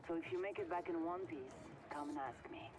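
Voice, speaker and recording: An actor playing a bitter, gruff male military commander in a video game. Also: fairly high pitch, brisk, close to an everyday voice. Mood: grim. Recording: game audio with crowd noise.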